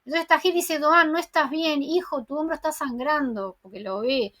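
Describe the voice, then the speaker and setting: A woman's voice: high voice, normal speed, a bit bright. A woman retelling a TV episode in a chatty, running way, linking each beat with connecting words. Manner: chatty plot retelling, strings lines together with "entonces" and "o sea". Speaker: TV series recap creator. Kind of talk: casual episode recap.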